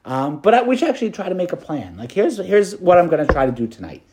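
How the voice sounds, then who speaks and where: Chatty priest with a slightly high voice. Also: male voice, very animated, fast, background noise. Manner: conversational, peppered with "like" and "right?"; light self-deprecating humor. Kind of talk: preached meditation to students.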